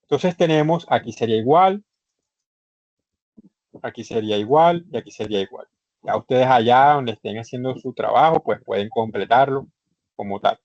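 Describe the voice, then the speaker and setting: A man's voice: mid-range voice, normal speed, pauses often, a little mellow, no room sound. A man teaching an online English class, explaining patiently step by step and repeating key points. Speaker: English instructor. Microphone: computer microphone in a video session. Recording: slightly muffled online session audio.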